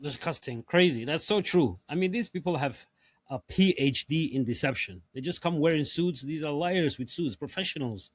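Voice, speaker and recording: A man's voice: a little high, animated, normal speed, dry recording. A man hosting a reaction show, commenting on clips with emphatic, repetitive phrasing. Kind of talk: casual commentary.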